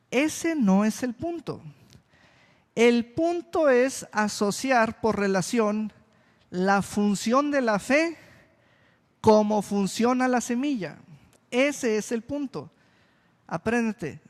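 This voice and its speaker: A male pastor preaching a sermon slowly and deliberately, repeating key phrases for emphasis. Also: high voice. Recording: long reverb of a church hall.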